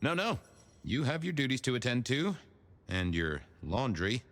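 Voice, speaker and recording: An actor playing a genial old vampire detective in the manner of a 1930s beat cop, courtly, wordy and wry in a noir video game. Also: male voice, mid-range voice, very animated, normal speed, a bit bright. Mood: wry, chummy.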